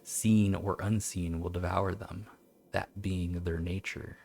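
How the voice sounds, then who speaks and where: A man streaming a game, chatting and reading old-style text aloud in a halting, stumbling way, laughing at himself. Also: low-pitched, steady tone, gravelly, a little mellow. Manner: self-mocking, laughs often. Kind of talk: let's-play commentary with reading aloud.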